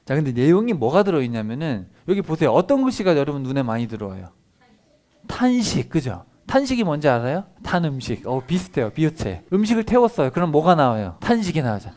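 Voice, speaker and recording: A male pastor giving a children's sermon, animated and constantly quizzing the children with questions. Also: fairly high pitch, fast.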